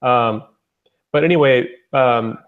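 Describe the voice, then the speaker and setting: A man's voice: mid-range voice, takes it slowly, phone-quality sound. A young man giving a casual spoken presentation, rambling a little, with lots of "um"s and restarts. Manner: rambling, with many fillers and restarts. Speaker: founder presenting his language-exchange platform.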